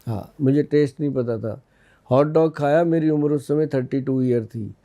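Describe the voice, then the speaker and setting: A man's voice: mid-range voice, moderate pace, mellow. A man from India in his fifties, an Ayurvedic expert on a podcast, explaining in a folksy way with personal anecdotes. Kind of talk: casual podcast interview.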